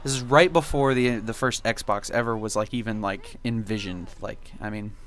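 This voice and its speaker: A man's voice: fairly low pitch, moderate pace, fairly bright tone. A young man reminiscing casually in gameplay commentary, with a laid-back, rambling and nostalgic way of talking. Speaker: video game commentary host.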